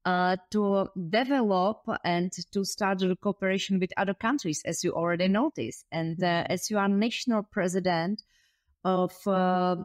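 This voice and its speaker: A woman's voice: lowish voice, moderate pace, dry recording, studio quality. A woman interviewing a guest, asking questions hesitantly with many fillers and some non-native phrasing.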